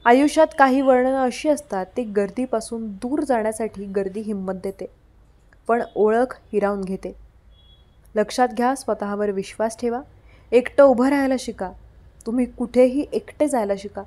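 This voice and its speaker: A woman reading out scripted devotional messages with a steady, preaching delivery. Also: fairly high pitch, normal speed.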